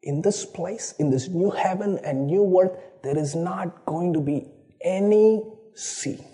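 Unhurried and mellow, with a high voice, this Chennai pastor earnestly tells a personal story in his sermon. He has an Indian accent, speaks Tamil natively, and frequently restarts phrases with repeated words at the start.

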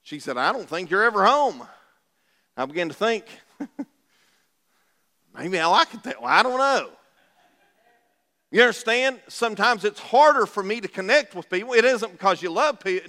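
Male preacher, Appalachian accent, forceful bright tone, plain-spoken and conversational, recorded in a reverberant hall. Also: high voice. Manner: folksy, conversational, asks the congregation rhetorical questions. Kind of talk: sermon. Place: large reverberant room, preaching to a congregation.

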